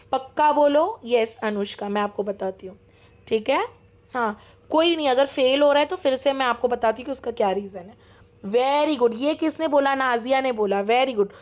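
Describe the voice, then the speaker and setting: A young woman teaching a live online class, chatty and encouraging, mixing English into her speech and often checking that students are following. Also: a little high. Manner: talks fast, keeps checking students follow. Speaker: online course mentor.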